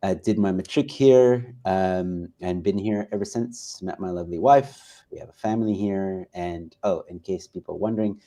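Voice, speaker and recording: A young man with an American accent, a guest telling his life story in casual talk, often pausing with ums and restarting his sentences. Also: deep voice, warm tone. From United States. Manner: hesitant, many ums and restarts.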